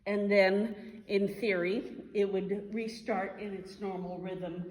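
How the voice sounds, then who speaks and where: A woman instructor giving an informal hands-on first aid demonstration, explaining step by step and halting as she thinks. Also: mid-range voice, steady tone, a little mellow. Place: large reverberant room. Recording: echoey hall, faint background noise.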